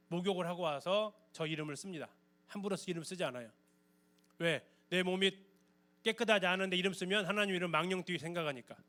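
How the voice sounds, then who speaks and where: A man's voice: high voice, sharp tone. A man giving a church Bible lecture, explaining in a conversational way and often asking the audience questions.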